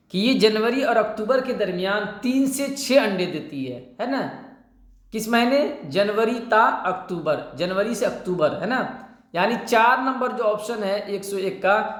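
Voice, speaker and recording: A man's voice: high voice, reverberant. A man teaching an online exam prep lesson, explaining patiently, repeating answers and posing questions back to the students.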